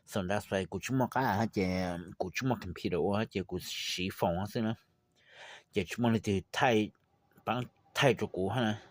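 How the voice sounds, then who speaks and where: A man giving an informal how-to talk on breeding poultry, unhurried and rambling, with frequent fillers. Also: on the low side, no echo. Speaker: poultry breeder explaining his method.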